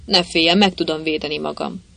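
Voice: medium pitch, steady tone, creaky, pushed and bright. A reader doing a timid, naive young man. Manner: hesitant, babbling. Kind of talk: audiobook reading.

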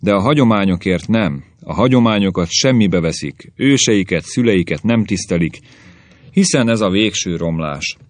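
A man's voice: low-pitched, expressive, no room sound. A man voicing a grumbling old caveman grandfather who rants and complains about the young, in a story reading. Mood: ranting. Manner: querulous ranting.

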